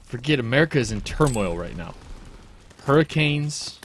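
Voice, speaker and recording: Guy streaming a shooter game, super animated jokey chat, loud gunfire going off behind him. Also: mid-range voice, slight background noise. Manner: animated, jokey, quick exclamations. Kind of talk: casual gameplay commentary. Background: game gunfire and explosions.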